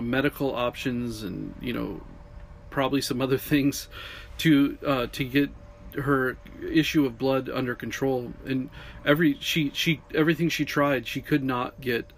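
Guy podcasting inside a camper van, mid-range voice, casual and halting faith talk. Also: medium pitch, a little hiss or hum. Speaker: podcast host.

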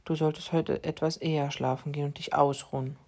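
A kind, caring woman who owns the cat, as a male reader voices her, speaking softly to her pet. Her voice stays close to the reader's own gentle storybook tone. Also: a little high, little pitch movement, a little fast. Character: kind adult woman, the cat's owner.

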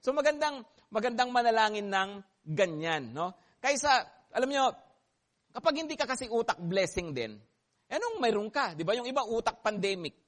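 A male pastor preaching a sermon, animated and playful, laughing between points and checking in with the congregation. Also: high voice, normal speed. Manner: animated, mixes Tagalog and English, asks the congregation "di ba?".

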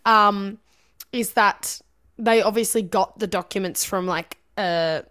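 A woman's voice: mid-range voice, slow. A woman co-hosting a podcast in casual chat, running her thoughts together with fillers. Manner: animated, run-on phrasing with fillers. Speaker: podcast co-host.

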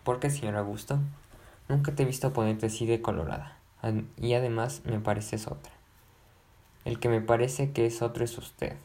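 A man reading aloud, voicing a shy, blushing young maid who protests softly. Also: mid-range voice, fairly even intonation, normal speed, gravelly, natural voice. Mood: flustered. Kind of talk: audiobook narration.

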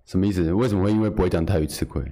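Male co-host, low voice, brisk curious questioner. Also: steady tone, warm tone. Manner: curious, quick follow-up questions. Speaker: podcast co-host. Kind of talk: casual chat, asking questions.

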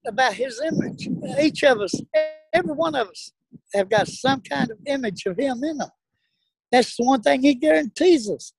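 On a low-quality recording without echo, a middle-aged man from South Dallas, Texas speaks as a guest in a very high, slightly mellow voice. His casual interview talk drifts into preaching, delivered in an earnest, emphatic, plain-spoken way.

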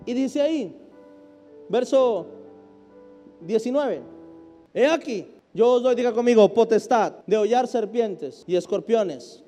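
A man preaching a sermon as pastor, emphatic, swinging between loud and hushed. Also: very high-pitched, lively intonation, slow pace, long pauses. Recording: hall reverb with faint music.

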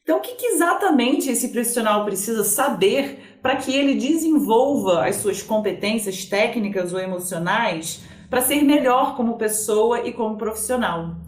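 A woman speaking as a communication expert on a panel, calm and didactic, giving concrete examples. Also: fairly high pitch, normal speed, hardly any pauses. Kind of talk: explanatory panel talk. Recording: roomy echo.

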